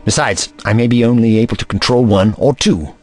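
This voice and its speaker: A man's voice: medium pitch, brisk, a little mellow, faint music behind, natural voice. A man playing a clever, earnest alien Time Lord hero in an audio drama, with precise, theatrical, formal diction. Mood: gently cautious.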